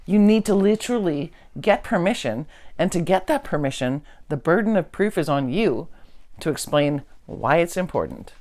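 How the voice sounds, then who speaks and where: A woman's voice: fairly low pitch, big pitch swings, moderate pace, a little mellow. A woman legal researcher in a casual discussion, talking emphatically and slipping into mock voices when she quotes others.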